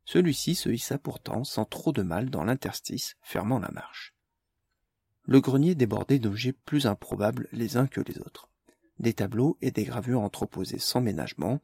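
A male narrator reads a story aloud at an even, measured pace. His voice is gravelly and husky, and the recording is dry and close. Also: medium pitch, dry recording. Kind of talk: audiobook narration.

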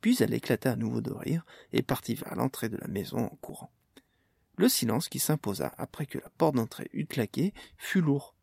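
A man reading a storybook aloud, steady and measured. His voice carries a gravelly texture and sounds dry and close, with no room around it. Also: mid-range voice, no echo. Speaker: narrator. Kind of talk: storybook narration.

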